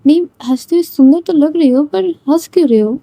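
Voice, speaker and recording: A woman's voice: high voice, a little fast, warm tone, dry recording, voice pushed up. A woman playing a cheeky teasing schoolgirl. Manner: playful, teasing. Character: cheeky teasing young female student.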